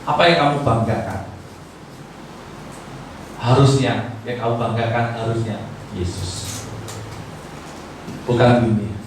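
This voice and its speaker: A man preaching a sermon as pastor, exhorting and acting out prayers, his voice swinging from loud to hushed. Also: mid-range voice, steady tone, slow, pauses often, noisy background. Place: church hall. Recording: echoey hall, voice from far off.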